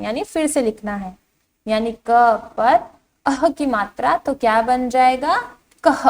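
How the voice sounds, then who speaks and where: A woman teacher giving a patient lesson to young children, saying each syllable clearly and asking the class to repeat it. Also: high voice. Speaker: primary school teacher. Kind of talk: slow online Hindi lesson for young children.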